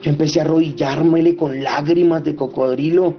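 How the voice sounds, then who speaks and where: A man tells an emotional personal testimony in an impassioned way. His voice sits fairly high for a man. The recording is slightly muffled, and soft music plays underneath. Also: fairly even intonation, fairly quick. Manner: impassioned, voice climbing high when reliving the quarrels. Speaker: church testimony speaker.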